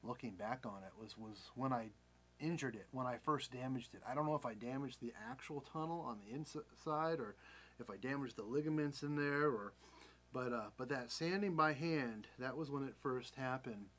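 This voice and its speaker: A man in his forties with an American accent and an average-pitched voice talks casually about his own life. He is candid and rambling, repeating himself and correcting details as he goes. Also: normal speed, a bit bright. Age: 40s. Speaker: vlogger. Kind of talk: casual personal storytelling.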